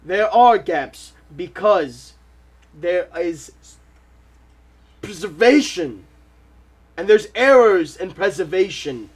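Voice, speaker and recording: A man's voice: sits high, lively intonation, takes it slowly, long pauses. A young man playing a debater in a school-project comedy sketch, lecturing with mock seriousness.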